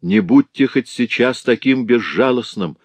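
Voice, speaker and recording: A man voicing a calm, compassionate gentleman who reassures a grieving father, in an audiobook. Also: mid-range voice, a little slow, vocal fry, no room sound, pitched above the performer's own voice, heavily acted. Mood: reassuring. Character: calm, compassionate nobleman comforting others. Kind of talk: audiobook character voice.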